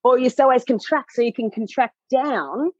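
A woman pelvic health coach explaining her work in a podcast conversation, animated and acting out what clients say. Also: high voice, moderate pace, husky, no echo, dull audio. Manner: animated, acts out clients' voices.

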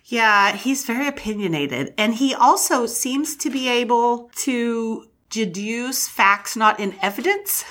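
A woman's voice: fairly high pitch, pushed and bright. A woman co-hosting a podcast, chatting casually and enthusiastically about a book, laughing often. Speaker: podcast co-host.

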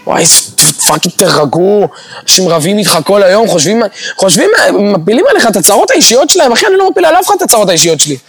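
A man's voice: high-pitched, sing-song, hardly any pauses. A man chatting casually on a podcast as a guest, a former preschool teacher who acts out quoted voices for comedy.

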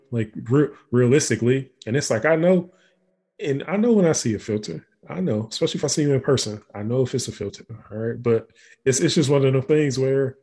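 A man's voice: medium pitch, darkish tone, husky. Man, podcast co-host, casual, restarts a lot, mid-range voice. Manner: rambling, frequent restarts and fillers. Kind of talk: casual conversation.

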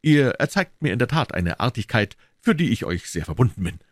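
A man's voice: mid-range voice, very animated, brisk, no echo, clean studio sound, pitched above the performer's own voice. A man reading aloud, voicing a polite, brave young male swordsman in a raised voice. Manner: polite, formal.

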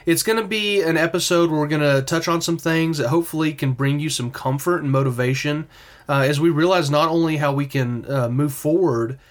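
A man's voice: on the high side, brisk. A man with a rural drawl, slightly nasal, co-hosting a conversational podcast. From West Texas, US. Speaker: podcast co-host.

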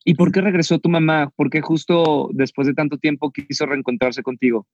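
A man hosting a podcast, asking gentle, probing questions. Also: on the high side, steady tone, normal speed, lo-fi sound. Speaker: podcast host. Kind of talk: interviewer questions.

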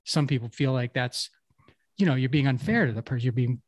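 Brief: reflective male co-host, mid-range voice, dry studio sound, measured musings. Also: medium pitch, lively intonation, a little mellow, no echo. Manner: reflective, thinks aloud with restarts and fillers. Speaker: podcast co-host. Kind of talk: casual conversational chat.

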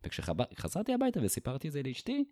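A man's voice: medium pitch, huge pitch swings, dark tone, dry recording. A male podcast host telling a personal story in casual conversation, searching for words and repeating himself as he goes.

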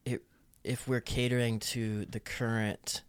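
A man co-hosting a podcast in casual chat, joking and halting as he goes. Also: medium pitch, level tone, smooth, no echo. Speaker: podcast co-host, counselor.

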